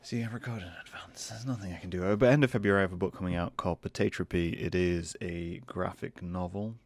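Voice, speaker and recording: A Northern English podcast host and artist speaks close to a desk microphone in a relaxed solo episode. His very low voice has a gravelly, creaky edge, and today he sounds croaky and hoarse as he meanders through ideas, restarting himself with self-deprecating humor. He talks fast in a steady tone, and the recording has no echo.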